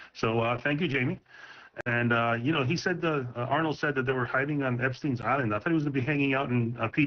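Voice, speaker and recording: A man's voice comes over a ham radio transmission as he checks in to an amateur radio net. The sound is dull and lo-fi, and his pitch sits in the middle range. He gives his call sign in formal phonetic procedure, then chats casually. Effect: heard over a ham radio transmission.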